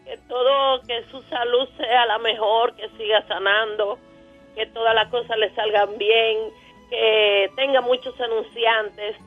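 A woman's voice: on the high side, little pitch movement, slow, soft background music. Tearful woman on a tinny phone line. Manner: tearful, heartfelt, grateful. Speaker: caller. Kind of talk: phone call to a radio show.

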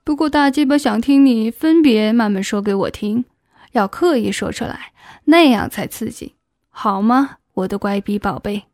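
A woman reading the part of a domineering middle-aged male official in an adult audiobook, in a coaxing, breathy, slightly lowered voice. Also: moderate pace, a little mellow, dry recording, studio quality, natural voice. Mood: lewd coaxing.

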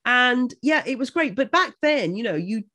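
A middle-aged woman from Buckinghamshire with a Home Counties accent, chatting informatively and enthusiastically about her expertise in an animated, emphatic way. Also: a little high, moderate pace. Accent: English Home Counties. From Buckinghamshire, England. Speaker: houseplant expert and author.

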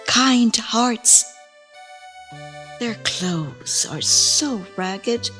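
An actress playing a kind, grateful shoemaker's wife in a children's radio drama, speaking gently. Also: female voice, fairly high pitch. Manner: gentle, tender storytelling.

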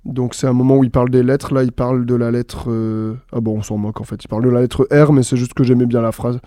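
Speaking quickly in a mid-range voice, a man hosts a reading show, easing in with casual, filler-laden chat before reading aloud from texts and his own poetry. The sound is dry and clean, studio grade.

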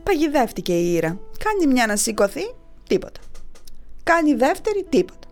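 Lively, chatty woman storyteller. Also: sits high, soft background music. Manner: chatty, folksy, addresses listeners. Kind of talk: comic mythology storytelling.

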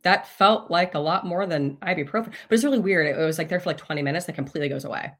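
Racing through her words in a lowish, slightly bright voice, a woman in her thirties shares a personal story as a podcast guest. She's open and casual, cursing freely and laughing a lot.

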